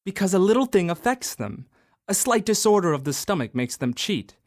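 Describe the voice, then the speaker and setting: Ebenezer Scrooge, an actor playing a querulous old miser. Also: male voice, high voice, big pitch swings, a little fast. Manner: querulous, dismissive, wheedling when scared. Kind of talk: radio drama acting.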